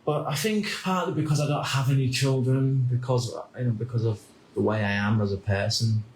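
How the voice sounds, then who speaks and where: A man in his thirties from the United Kingdom, talking through a reflective personal monologue in a halting way, often repeating words and restarting sentences. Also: medium pitch, steady tone, reverberant, slight background noise, poor audio. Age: 30s. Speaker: vlogger.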